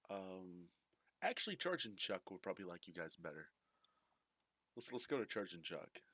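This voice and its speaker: Deep-voiced laid-back male streamer. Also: big pitch swings, moderate pace, dry recording. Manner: laid-back, thinking out loud. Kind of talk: casual chat to viewers.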